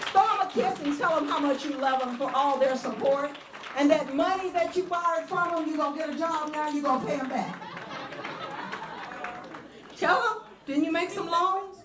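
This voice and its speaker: A woman's voice: sits high, noisy background. A woman giving an exuberant commencement speech as a fellow graduate and staff member, laughing and repeating lines for emphasis. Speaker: graduate and university staff speaker. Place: large ceremony hall. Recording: echoey hall on a PA mic.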